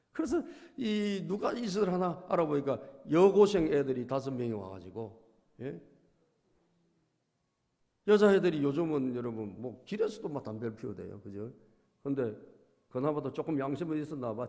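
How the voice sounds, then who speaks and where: A male pastor preaching a sermon, storytelling and often prompting the congregation, dropping to soft asides and rising to loud bursts. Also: mid-range voice, gravelly. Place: church sanctuary. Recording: long reverb of a church hall.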